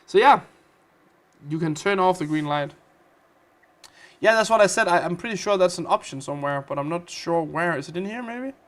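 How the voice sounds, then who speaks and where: A Danish-accented man hosts a casual gaming livestream. He chats playfully with viewers, answering their comments. His voice sits a little high for a man. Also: animated, normal speed, long pauses, a bit bright. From Denmark. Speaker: livestream host.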